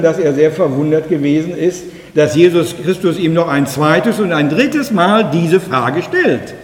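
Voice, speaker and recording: A man preaching a sermon in an earnest way, slowing down for emphatic quoted lines. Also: on the high side, darkish tone. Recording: echoey hall with long reverb.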